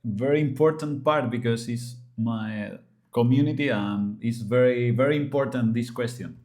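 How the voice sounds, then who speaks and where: A man hosts the interview in halting, non-native English. His voice sits at a middle pitch, and he searches for words with many pauses and fillers. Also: darkish tone. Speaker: host. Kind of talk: interview chat.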